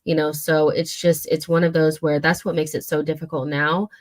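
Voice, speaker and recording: A young woman hosts a casual football livestream, her voice low and hoarse from a cold. She talks loosely, full of fillers, side remarks and quick restarts. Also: little pitch movement. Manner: chatty, many fillers and asides. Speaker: football channel host.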